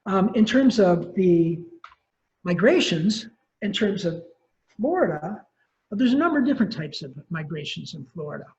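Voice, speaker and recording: A man's voice: sits high, big pitch swings, normal speed, a little mellow. A man, a wildlife ecology professor, giving a casual lecture full of ums and self-corrections. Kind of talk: conversational lecture. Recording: muffled lo-fi webinar audio.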